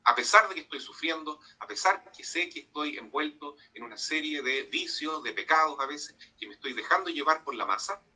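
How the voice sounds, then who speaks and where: A priest gives a relaxed, conversational sermon over a video call, often ending sentences with a quick tag question. His voice sits a little high for a man and sounds very sharp and forceful. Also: slight background noise, poor audio. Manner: conversational preaching with frequent tag questions and fillers. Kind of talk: informal sermon-style talk to young people. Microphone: video call microphone.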